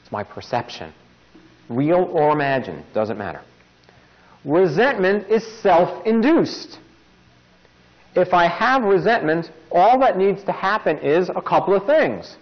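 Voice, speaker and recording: A man's voice: sits high, big pitch swings, a little slow. A man giving an informal self-help talk as a podcast host. He mixes wry, jokey asides into his explanations. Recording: dull lo-fi recording.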